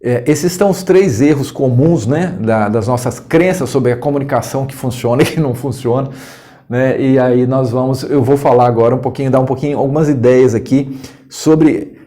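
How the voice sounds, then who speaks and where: Brazilian man coaching, chatty and expressive. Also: mid-range voice, normal speed. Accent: Brazilian Portuguese. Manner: conversational, tag questions, acts out tones of voice with laughs. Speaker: coach and educator. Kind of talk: casual video lesson to camera. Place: indoors, room with scouting decor corner.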